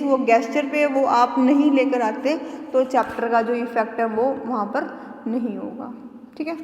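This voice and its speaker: A woman's voice: high-pitched, reverberant, long reverb tail. A woman teacher educator giving a classroom lecture, explaining with examples and checking in with her students often. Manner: explains with examples and frequent "ठीक है" check-ins.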